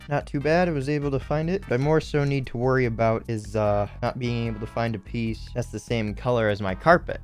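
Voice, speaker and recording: A young man with a sniffly nose, rambling and thinking aloud as he gives casual commentary for a hobby video. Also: mid-range voice. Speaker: video host building Lego.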